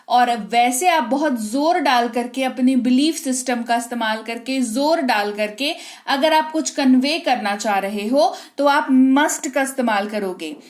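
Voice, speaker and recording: A woman with an Indian accent teaching grammar, explaining patiently and slowing down to say example sentences. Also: high-pitched. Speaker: English teacher.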